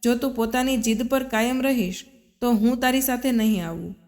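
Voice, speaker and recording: A woman voicing a proud, headstrong young wife who speaks with sharp, indignant reproach, in a storybook reading. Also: fairly high pitch, steady tone, normal speed, natural voice. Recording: long reverb.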